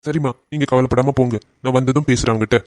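A man's voice: mid-range voice, fairly even intonation, very fast, a little mellow, dry recording, studio quality, close to an everyday voice. A man voicing a kind, respectful young auto driver who soothes an upset mother in a cartoon family drama. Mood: soothing.

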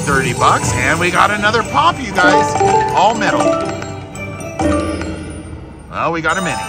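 A man giving casual, excited gambling commentary as a slot video host, coaxing the machine aloud and repeating short phrases. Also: fairly high pitch. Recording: loud machine music behind. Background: loud slot machine music.

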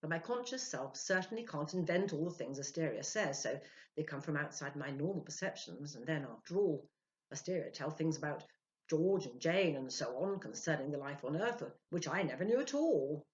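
In this storybook reading on a slightly dull home recording, an older woman voices a self-important, earnest man who works as a medium and keeps defending himself in emphatic, animated swings. Here the delivery is deep, moderately paced, candid and defensive.

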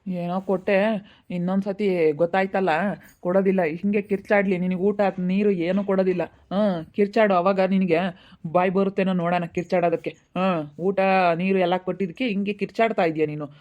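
Scolding female captor, played by a woman, flat delivery, Chitradurga Kannada accent. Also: lowish voice, fairly quick, highs cut off, lightly acted. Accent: Kannada, Chitradurga region. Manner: scolding, taunting, flat threats. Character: bitter female captor scolding her prisoner. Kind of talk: amateur village drama.

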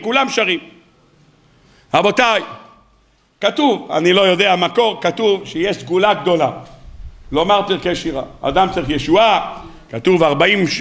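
A man with a high, bright, forceful voice gives a Torah lecture to a live audience. He chants scripture slowly and breaks off for quick joking asides. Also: gravelly. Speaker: rabbi.

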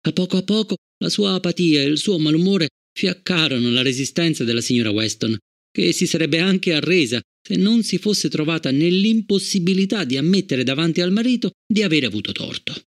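Un uomo che legge un racconto in un audiolibro, voce alta e molto viva, che recita tutti i personaggi. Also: male voice, fairly high pitch, expressive, brisk. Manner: acts out every character. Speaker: audiobook narrator. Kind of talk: expressive audiobook reading.

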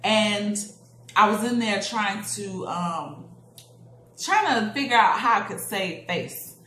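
A woman's voice: medium pitch, takes it slowly. A woman in her thirties, a parent, telling a personal story in a casual vlog and acting out the people in it. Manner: animated, acting out quoted voices with laughs. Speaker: parent vlogger. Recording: echoey room, faint background noise.

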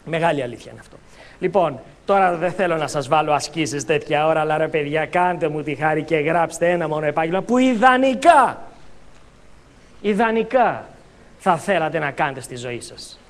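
A man with a Greek accent giving a motivational seminar talk as a coach, joking and acting out little scenes. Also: a little high. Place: conference hall.

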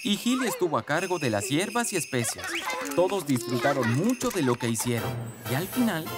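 A storyteller reading a children's story aloud in a lively, expressive way. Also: medium pitch. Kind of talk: scripted narration of a children's story. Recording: music playing behind.

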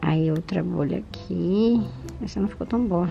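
A woman's voice: on the low side, moderate pace, creaky, dull audio. A young woman talking to her viewers in a casual vlog, gushing and chatty. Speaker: vlogger.

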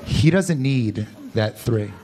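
A man in his thirties doing a dry, deadpan stand-up set on a club stage, speaking into a handheld mic. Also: medium pitch, slow pace. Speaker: stand-up comedian. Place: comedy club stage before a live audience. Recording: loud club crowd and noise. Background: loud audience laughter.

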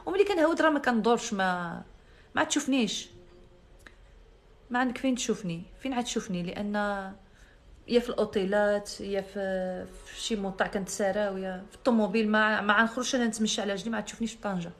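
A woman's voice: mid-range voice, fast talker. A young woman with a Moroccan Arabic accent, hosting a live stream in a brash, mocking and boastful way. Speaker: live-stream host selling products.

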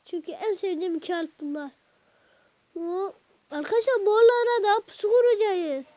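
A woman hosting a gaming channel, chatting to her viewers while she plays, with sudden excited outbursts at the game. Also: very high voice, moderate pace, no echo. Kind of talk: let's-play gameplay commentary. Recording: dull lo-fi recording.

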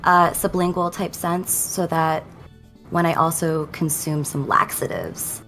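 A woman's voice: low voice, fairly even intonation, measured pace, a bit bright, soft background music. A young adult woman from Florida telling a confession casually over a video call. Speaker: confession guest caller.

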